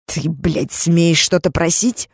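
A woman reading an audiobook, voicing a cruel armed male kidnapper who snarls slow threats. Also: on the low side, slightly rough, no echo, clean studio sound, heavily acted. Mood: menacing.

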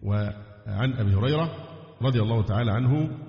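A man with an Egyptian accent teaching Islamic jurisprudence, reading from a text and adding colloquial explanations with pauses and fillers. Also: mid-range voice. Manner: reads a text aloud, then breaks off into colloquial asides with hesitations. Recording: echoey hall, dull lo-fi sound.

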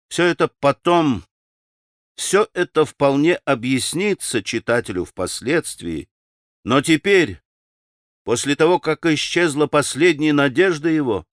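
A man narrating a classic novel in a measured, dramatic literary reading. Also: mid-range voice, a bit bright, no room sound, studio quality. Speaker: audiobook narrator.

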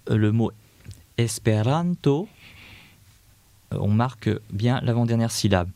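A man explains a grammar rule in a patient, unscripted way, often restarting and stringing his points together with small connecting words. His voice is dark and mellow. The sound is dry and close to the mic. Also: medium pitch, dry recording. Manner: patient, with many "donc" fillers and small restarts. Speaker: grammar teacher.

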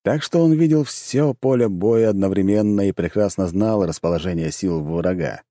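A man reading an audiobook as narrator in an even, measured way. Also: fairly low pitch, no room sound, clean studio sound. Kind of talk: scripted narration.

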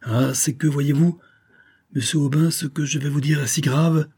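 Male reader doing a loyal, clever peasant boy, earnest and lifted in pitch, warm husky tone. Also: fairly even intonation, moderate pace.

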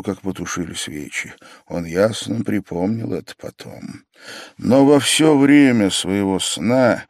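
Low, dry male narrator. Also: a little mellow, dry recording. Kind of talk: audiobook narration of a classic novel.

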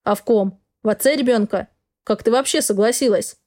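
A gruff but caring male doctor talks bluntly and plainly, as a woman reads him in an audiobook. The voice stays fairly high and close to the reader's own. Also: a little fast, a little mellow, close to an everyday voice. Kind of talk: audiobook dialogue.

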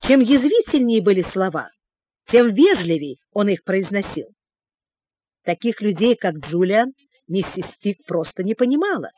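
A woman's voice: mid-range voice, big pitch swings, measured pace, breathy edge. Woman narrating a storybook. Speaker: audiobook narrator. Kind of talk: scripted narration. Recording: dull, dry recording.

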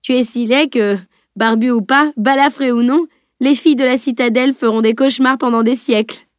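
A cheeky teenage boy, put on by a woman reading a storybook, teasing his friends in a raised, bright voice. He sounds mocking and full of mischief. The recording is close and dry. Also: a little high, steady tone, a little fast, dry recording, pitched above the performer's own voice, natural voice.

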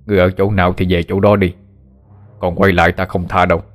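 A man's voice: deep voice, flat delivery, fast talker, in a large hall, close to an everyday voice. A man voicing a stern male exorcist master in a ghost story, commanding and firm.

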